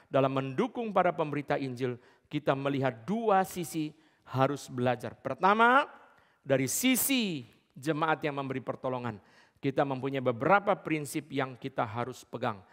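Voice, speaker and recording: A male pastor preaching a sermon in a lively, emphatic way, speaking directly to his congregation. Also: medium pitch. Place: large church sanctuary. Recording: long church hall reverb.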